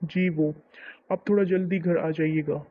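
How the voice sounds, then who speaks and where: A man's voice: fairly high pitch, fairly even intonation, measured pace. A man reading as Anabia, a sweet innocent young woman. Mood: gentle. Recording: muffled lo-fi recording.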